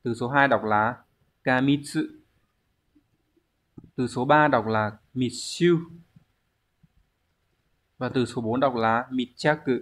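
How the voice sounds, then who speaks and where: A man's voice: mid-range voice, slow, long pauses, fairly bright tone. Man teaching an exam review. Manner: explanatory, asks and answers own questions. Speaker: Japanese language teacher.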